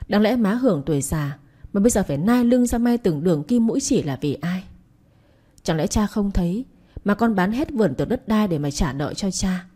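A woman's voice: mid-range voice, expressive, a little fast, warm tone, husky. Woman voicing an earnest, reproachful young son. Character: young adult son, angry and protective of his mother.

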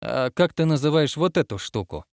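A man's voice: on the high side, animated, normal speed, darkish tone, no room sound. A fussy, stubborn starship captain, as a male audiobook reader puts him on, working through an inventory in a methodical, bureaucratic way. The voice sits in a middling register and is recorded dry and close. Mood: exasperated. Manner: patient then exasperated, bureaucratic.

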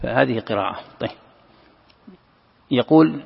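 A man teaching a Quran commentary lesson, explaining step by step, repeating key phrases and slowing down to recite verses. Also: medium pitch, expressive, vocal fry, breathy edge. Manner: explains step by step, repeats key phrases, asks and answers his own questions. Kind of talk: classroom commentary on a classical text. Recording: lo-fi recording in a long-reverb hall.

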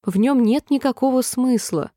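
A bold, spirited young girl from a storybook who speaks up fearlessly, played by a woman. Her voice is raised and bright with exclamations. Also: high voice, moderate pace, no echo, studio quality, voice pushed up, close to an everyday voice.

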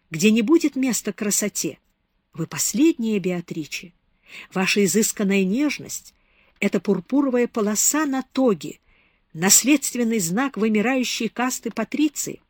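A suave, melancholy man with a soft and persuasive way of talking, read by a woman narrator. His lines stay gentle and intimate, close to the reader's own voice. The recording is dry. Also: on the high side, expressive, normal speed, dry recording, pitched above the performer's own voice. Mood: tender.

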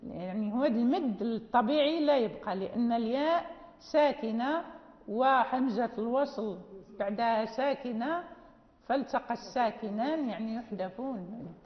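High-voiced woman teaching recitation, echoing hall. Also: animated. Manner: explains slowly, then chants example verses. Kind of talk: lecture on tajweed. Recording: dull lo-fi sound with long reverb.

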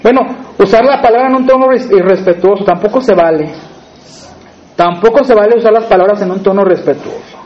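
A man's voice: high-pitched, brisk, dull audio. A man with a Mexican accent preaching a sermon in a conversational way, often asking the congregation questions. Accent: Mexican Spanish.

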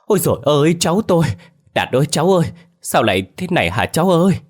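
A woman's voice: low voice, very animated, fast talker, darkish tone, breathy edge, pitched above the performer's own voice, full character voice. A man voicing a grandmother wailing over her grandson. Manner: wailing, pleading. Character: wailing grandmother, frantic with grief.

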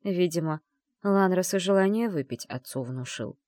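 Woman reading an audiobook, lowish voice but really lively, dry close mic. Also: moderate pace, no room sound. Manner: expressive storytelling. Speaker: audiobook narrator. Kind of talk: scripted first-person narration.

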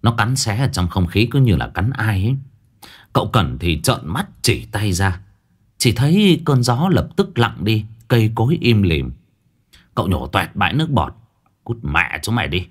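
A man tells a ghost story in a low voice. He tells it vividly, in colloquial speech, and his voice rises and falls a lot. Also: very animated, normal speed, slightly rough.

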